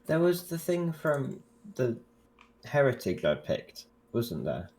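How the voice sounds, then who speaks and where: A man's voice: medium pitch, huge pitch swings, slow pace, a little mellow, slight background noise. A man playing a tabletop game, asking hesitant questions into a desk microphone. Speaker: player.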